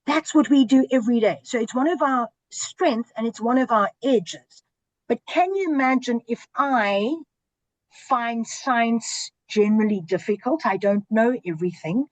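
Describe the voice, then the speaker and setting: A senior broadcast journalist with a fairly high voice speaks earnestly and emphatically during a panel discussion on a video call, listing and repeating points for stress. The sound is dry with no echo but lo-fi.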